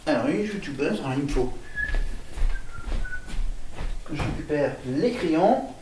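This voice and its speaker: A man talks through a casual home vlog, unhurried and halting, stopping to spell words as he writes them on a board. His voice sits a little high and comes from some distance off the camera mic. The room is echoey, with a faint hiss underneath. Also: expressive. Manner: hesitant, many fillers and restarts. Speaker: vlogger.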